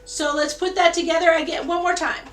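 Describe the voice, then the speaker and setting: A woman's voice: very high-pitched, flat delivery, fairly quick, fairly bright tone, slight background noise. A woman leading an online choir rehearsal, encouraging singers and teaching a simple round by ear, her voice a little tired. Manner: encouraging, coaching call-and-response, sings demonstrations. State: voice tiring. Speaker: choir director. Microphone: video call.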